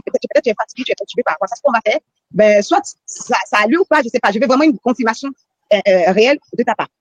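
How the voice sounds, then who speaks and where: Une femme invitée qui raconte une arnaque, par téléphone, d'une voix rapide, hésitante, pleine de reprises et d'hésitations. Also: female voice, mid-range voice, breathy edge, no room sound. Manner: rapid, halting, with many restarts and fillers. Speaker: guest recounting being scammed. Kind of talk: emotional storytelling on a call. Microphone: phone call. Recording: muffled phone-quality call.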